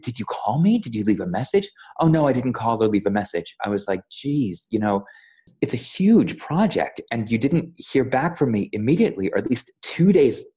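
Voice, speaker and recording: Stammering man telling a story. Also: medium pitch. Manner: stammering, animated retelling with acted-out quotes. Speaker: voiceover coach, podcast guest. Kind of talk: casual interview storytelling.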